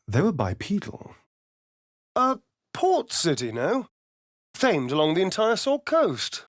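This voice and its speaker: Astarion, a theatrical vampire rogue, swooping pitch. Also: male voice, no echo, studio quality. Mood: dry, wry. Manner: arch, flamboyant, teasing, precisely enunciated. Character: sly, theatrical male vampire spawn rogue, centuries old. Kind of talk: video game character voice lines and narration.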